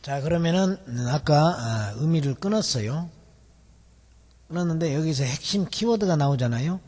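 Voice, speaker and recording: A man's voice: a little high, lively intonation, moderate pace, a little mellow, a little hiss or hum. A male instructor teaching a memory technique in a recorded video lecture, explaining step by step with many fillers. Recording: long hall reverb.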